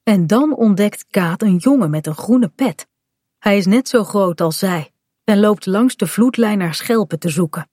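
A woman reads a children's story aloud in a calm, gentle manner. Her pace is slow and unhurried, her pitch sits in the middle, and the recording is close and dry. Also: slightly rough, dry recording. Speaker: storybook reader.

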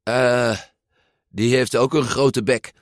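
A man's voice: medium pitch, fairly even intonation, slow, no room sound, studio quality, pitched above the performer's own voice, close to an everyday voice. A man voicing a timid, anxious young boy who speaks hesitantly in a storybook reading. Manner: hesitant, unsure.

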